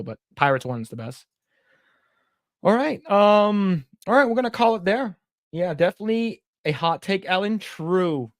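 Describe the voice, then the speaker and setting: Recorded dry with clean studio sound, this young man's voice sits on the high side. He co-hosts a podcast, chatting casually in a blunt, rambling manner and swearing now and then.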